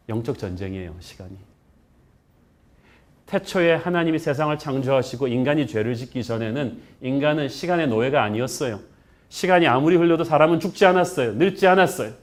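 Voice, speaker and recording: Male pastor, earnest sermon delivery with English phrases mixed in, builds in pitch and volume at climaxes. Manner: voice climbs and gets louder at the story's high points.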